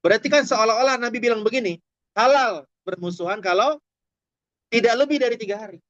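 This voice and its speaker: A man's voice: very high voice, brisk, a bit bright, dry recording. A man preaching a humorous, chatty sermon, speaking straight to the audience. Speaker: Islamic preacher. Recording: dull, dry lo-fi recording.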